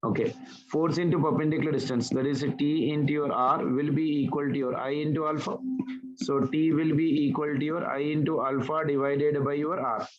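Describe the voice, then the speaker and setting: Through a muffled recording, a man with a fairly high pitch teaches physics in an online class call. He works through problems step by step, pausing to ask his students for the answers.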